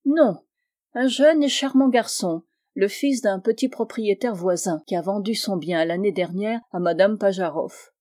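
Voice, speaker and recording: A woman voicing a tart, flirtatious spinster in an audiobook reading, with a sharp, high-pitched voice and a quick, touchy manner. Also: close to an everyday voice. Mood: gossipy. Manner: teasing, quick to take offense.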